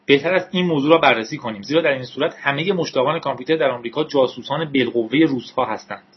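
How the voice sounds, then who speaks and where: A man's voice: medium pitch, breathy edge, dull audio, lightly acted. A man doing a sarcastic bullying agent. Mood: sneering. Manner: sarcastic, menacing.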